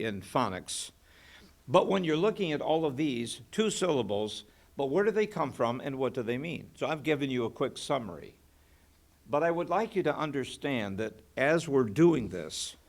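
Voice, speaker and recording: A man, a pastor, teaching a Bible study in a church, explaining points and asking the class rhetorical questions. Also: medium pitch.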